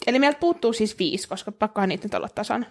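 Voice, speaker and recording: A woman's voice: mid-range voice, expressive, husky. A young woman co-hosting a podcast, reading out a list in casual chat and often laughing. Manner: giggly, reads out the list items. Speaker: podcast co-host.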